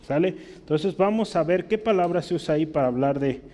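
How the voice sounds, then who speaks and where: Man, preacher, fairly high voice, conversational teaching sermon, checks with listeners, church with long reverb. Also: fairly quick, mellow.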